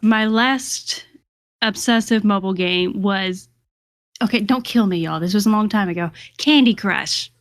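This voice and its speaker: A woman's voice: medium pitch, unhurried, no room sound, clean studio sound. A young adult woman, a guest on a livestream, chatting casually and giggling at herself. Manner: giggly, chatty, self-deprecating.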